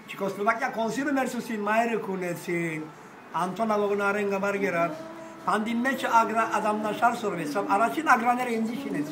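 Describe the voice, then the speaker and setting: A man's voice: high-pitched, distant mic. Rowdy older man in an echoey cafe. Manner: boisterous, rambling, swearing, sudden loud outbursts. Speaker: storyteller at a cafe table. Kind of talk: rowdy table talk. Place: cafe with glass front, indoors. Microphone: phone camera across the table. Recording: echoey room, voice off-mic, music behind.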